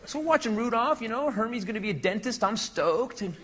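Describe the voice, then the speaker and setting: A man doing a stand-up comedy set, telling a story in a brash, animated way, recorded live. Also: very high-pitched, brisk. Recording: noisy live stage recording.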